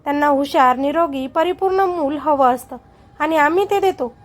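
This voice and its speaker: A woman voicing a cold, calm villainous rich man in a storybook narration, speaking with smug, unhurried ease. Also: high voice, lightly acted.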